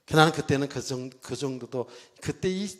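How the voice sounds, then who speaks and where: A middle-aged male pastor preaching a sermon, telling stories with lively asides and mimicking a shouting revival preacher. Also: medium pitch, moderate pace. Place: church sanctuary. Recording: church hall reverb.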